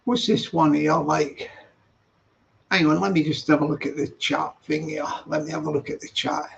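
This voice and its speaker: This streamer's voice is gravelly and on the high side, with a fairly bright tone and fairly even intonation at a normal speed. He talks casually, reading out viewers' comments and answering them in a rambling, repetitive way. The dull lo-fi audio carries a little hiss or hum.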